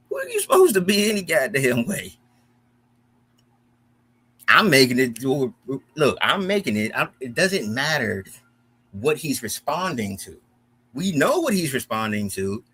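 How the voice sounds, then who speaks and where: Heated, profane American man, animated. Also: on the high side, slightly rough. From United States. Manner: animated, profane, repeats himself when heated. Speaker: commentary host. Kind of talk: heated reaction commentary.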